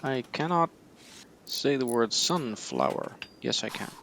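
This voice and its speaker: A man's voice: mid-range voice, huge pitch swings, measured pace, fairly bright tone, slight background noise. A man streaming a game live, casually thinking aloud in a rambling, sometimes tongue-tied way, sleepy and yawning. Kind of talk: casual let's-play commentary.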